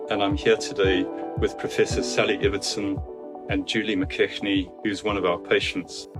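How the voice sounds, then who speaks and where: A man's voice: lowish voice, a bit bright. A man hosting an interview podcast, presenting and putting questions to his guests. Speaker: podcast host. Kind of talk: scripted podcast introduction and interviewing.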